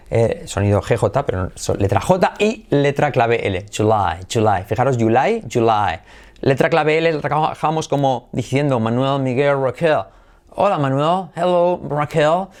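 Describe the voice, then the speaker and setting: Spanish-accented male English teacher, playful and energetic, drills pronunciation aloud. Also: mid-range voice. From Spain. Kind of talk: bilingual pronunciation lesson.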